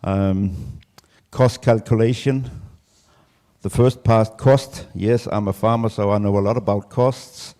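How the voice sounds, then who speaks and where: A man's voice: on the low side, fairly even intonation, a little slow, warm tone. A man from Denmark, a farmer giving a conference presentation in a hesitant way, with many fillers and restarts. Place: conference room.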